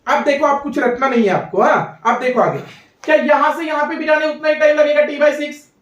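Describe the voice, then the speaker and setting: Brief: male physics teacher, high and urgent, quizzing a class, echoey room, dull distant mic. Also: fairly bright tone. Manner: coaxing, drilling students with quick questions. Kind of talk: classroom lecture.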